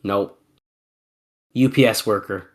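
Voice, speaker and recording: A man with a cold co-hosts a podcast, speaking slowly in a lowish voice as he casually calls the moves of an old wrestling match. His relaxed play-by-play mixes with banter with his co-host.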